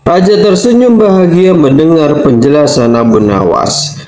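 A man narrating a folk tale in an even, steady storybook reading. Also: on the high side, moderate pace. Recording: roomy echo.

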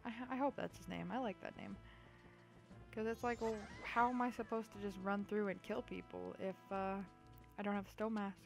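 A woman's voice: a little high, creaky. Chatty young woman playing a game. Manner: chatty, goofy, swears freely. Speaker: let's play host. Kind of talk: casual gameplay commentary.

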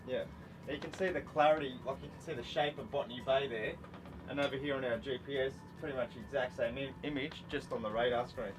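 A man's voice: medium pitch, fairly even intonation, fast, background noise. A man in his thirties with an Australian accent, hosting a casual product demo on the deck of a boat, upbeat and enthusiastic. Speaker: fishing show host. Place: open deck of a boat on a bay, outdoors. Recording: music bed underneath.

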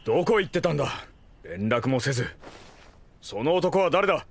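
An animated middle-aged anime father. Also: on the high side, normal speed, creaky, slight background noise. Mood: stern. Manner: authoritative. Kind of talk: Japanese anime acting. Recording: music behind voice.

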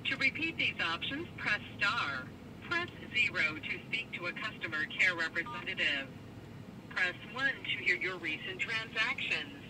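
A high-pitched male automated phone menu voice, its prompts spliced together from separate recordings and read in an even, scripted way. It plays from a phone speaker that sounds distant from the mic. Clear noise sits under it inside a car. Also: a little slow. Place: car, played over a phone.

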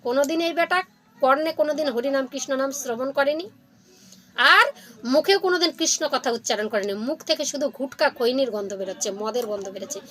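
A woman's voice: sits high, quick pace, a bit bright. A woman voicing a stern, judgmental elder male jackal in a devotional story, scolding and moralizing.

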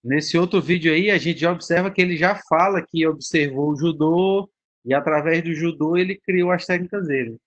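A man's voice: on the high side, moderate pace, no echo, highs cut off. A man giving an online lecture, explaining in a conversational way and often checking in with his listeners. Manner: explanatory, conversational, frequent tag questions.

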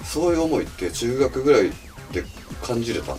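A man's voice: medium pitch, sing-song, a little fast, a little mellow, distant mic. A middle-aged man interviewing in a casual, joking, conversational way. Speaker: interviewer, host. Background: background music.

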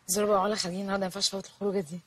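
An actress playing a bossy, irritable young wife in a film comedy, with an Egyptian Arabic accent and a snappy, complaining way of talking. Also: female voice, mid-range voice, little pitch movement, rapid-fire, fairly bright tone, close to an everyday voice.

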